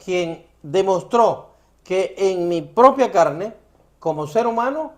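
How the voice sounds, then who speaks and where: A man co-presenting a Bible study lesson in a measured, affirming manner. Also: high-pitched.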